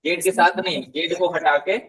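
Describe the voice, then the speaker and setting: A man teaching a live language class, patiently repeating words slowly and quizzing his students. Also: high voice, steady tone, a bit bright. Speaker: Spanish tutor. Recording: voice somewhat distant from the mic.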